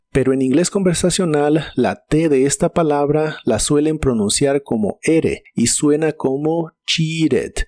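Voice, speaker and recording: A man's voice: fairly high pitch, darkish tone, no room sound. A man narrating a scripted English vocabulary lesson, carefully spelling out and repeating each word's pronunciation. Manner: slow, deliberate pronunciation drills. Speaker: English teacher.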